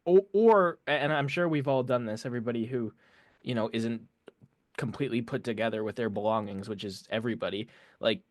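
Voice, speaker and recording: Man, podcast co-host, casual, hesitant, thoughtful, medium pitch, dry sound. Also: no echo. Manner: hesitant, thoughtful, quick asides. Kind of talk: casual sports podcast chat.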